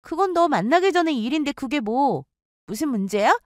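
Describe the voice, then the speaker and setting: Jealous gloating young woman, put on by a woman narrator, high needling voice, dry close sound. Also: sing-song, moderate pace, no room sound. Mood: taunting. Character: jealous, taunting young woman, a former friend. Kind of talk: storytelling with acted dialogue.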